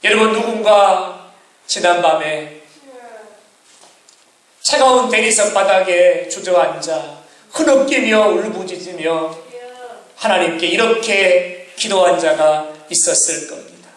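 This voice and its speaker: A man preaching a sermon as pastor, often shouting and drawing out his words. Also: sits high, slow pace, long pauses. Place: church sanctuary. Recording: echoey church hall from far off. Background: congregation.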